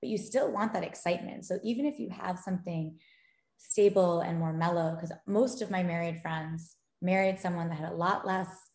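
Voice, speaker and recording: A woman guest on a podcast tells animated stories about dating and gaming, getting excited and laughing throughout the casual interview. Her voice is on the low side with vocal fry, at a moderate pace, in an echoey room.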